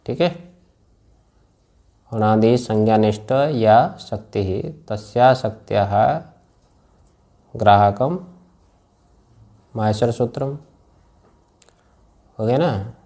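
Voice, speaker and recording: Slow deep-ish guy teaching grammar to a class, mellow tone, keeps repeating things and asking if they got it. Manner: slow and repetitive, drills phrases and checks understanding. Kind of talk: classroom lecture with questions to students.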